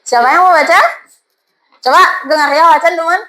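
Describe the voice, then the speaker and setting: A woman's voice: extremely high pitch, moderate pace, pushed and bright, rough recording. A woman teacher with a Balinese accent, coaxing her students with questions as she teaches a class.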